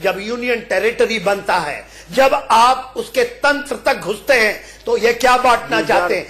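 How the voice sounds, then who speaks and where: A man's voice: very high voice, normal speed, fairly bright tone. A man arguing agitatedly as a panelist in a heated television debate.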